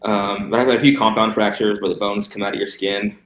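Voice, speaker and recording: A man's voice: lowish voice, flat delivery, a little fast, fairly bright tone. A man of thirty with missing front teeth, chatting casually as an interview guest. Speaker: guest, professional BMX stunt rider and reptile keeper. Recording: roomy echo.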